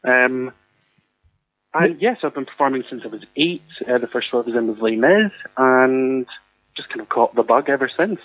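A man's voice: mid-range voice, animated, moderate pace, dry recording, phone-quality sound. A man in his twenties with a Fife Scottish accent, chatting enthusiastically as a guest on a podcast. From Fife, Scotland. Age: 20s. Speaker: podcast guest, amateur theatre performer. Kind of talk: casual podcast conversation.

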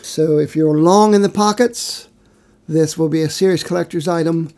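A man co-hosts a casual podcast, his voice gravelly and dark in tone. He rambles through long, detailed explanations, full of fillers. His pitch sits a bit high for a man. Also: moderate pace. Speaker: podcast co-host.

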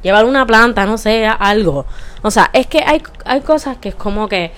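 A woman's voice: on the high side, expressive, normal speed, fairly bright tone. A young woman with a Puerto Rican accent, ranting profanely in a casual monologue and slipping into English words. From Puerto Rico.

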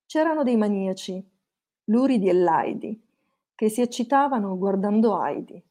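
A woman's voice: mid-range voice, expressive, normal speed, dark tone. A woman performing satirical rhyming verse, telling comic stories in a sing-song storytelling manner.

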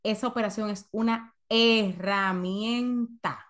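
A woman's voice: medium pitch, fairly even intonation, slow, fairly bright tone. A woman coach giving an emphatic workshop talk on emotional eating, repeating points and calling out to her listeners. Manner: emphatic, repeats herself, addresses audience as señores.

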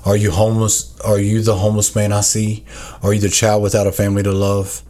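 A man reads a devotional and prays in a solemn, measured way. His voice is very deep. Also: monotone, dark tone. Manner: solemn, measured, rhetorical questions. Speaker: co-host of a recovery devotional show. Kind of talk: reading devotional text and prayer.

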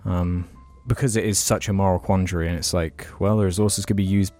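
A man's voice: sits low, steady tone, fairly quick, darkish tone, no echo, soft background music. A young man, telling a long story in casual podcast chat and swearing freely. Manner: rambling storytelling, heavy swearing. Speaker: podcast co-host.

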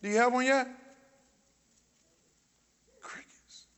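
A man preaching an energetic sermon in a church, calling out to the congregation, joking and shouting for responses. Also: very high voice, measured pace. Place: church sanctuary.

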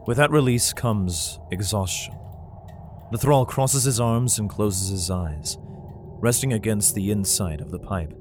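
Over dramatic music, an actor narrates in first person as the lead of a science fiction audio drama, playing a grim, protective father fleeing an alien invasion with his children. His fairly low voice is unhurried and close to everyday speech, and the narration is somber and guarded.

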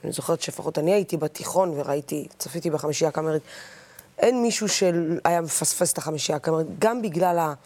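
A woman's voice: sits low, mellow. A woman hosting an interview, thinking aloud and asking probing questions. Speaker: host.

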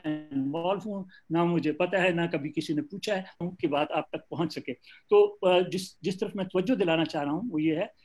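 An older man with a Pakistani accent gives an off-the-cuff panel talk, making emphatic points with hesitant pauses. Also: on the high side, a little mellow, faint music behind. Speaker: civil service academic and guest speaker. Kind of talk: extempore panel talk on video call, mixing English and Urdu.

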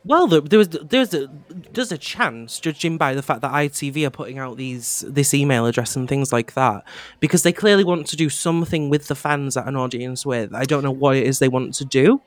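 A man's voice: medium pitch, a little fast, dry recording. A man co-hosting a podcast, talking in an earnest, gushing way and often restarting his phrases. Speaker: podcast co-host. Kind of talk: casual fan chat.

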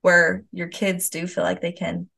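A woman's voice: lowish voice, monotone, a little slow, creaky, pushed and bright. A woman in her thirties hosting a parenting show, reflective and affirming as she chats and paraphrases back what she hears. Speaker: parenting podcast host and mother. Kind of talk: casual conversational interview.

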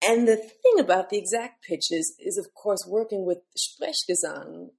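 A woman's voice: mid-range voice, lively intonation, measured pace, gravelly. A woman who is a classical singer, speaking as a guest in a podcast interview and explaining her work in a thoughtful way with many fillers.

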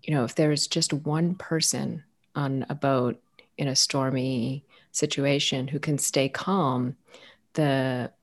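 A woman author raised in the United States, speaking as a guest in an interview, reflective and searching for her words with many pauses and fillers. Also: extremely low pitch, steady tone.

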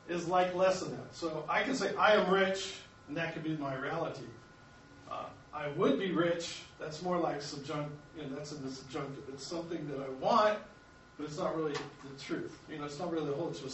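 High-voiced American man teaching Bible class. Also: fairly bright tone, a little hiss or hum. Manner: explanatory, self-correcting, chuckles at himself. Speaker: Sunday school teacher. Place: church classroom. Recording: echoey room, mic at a distance.

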